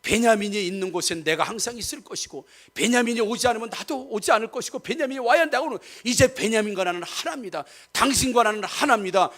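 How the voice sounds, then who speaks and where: A male pastor preaching a sermon in church, speaking emphatically and addressing the congregation directly with questions. He rises to near-shouts when he acts out quarrels. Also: sits high, quick pace, hardly any pauses.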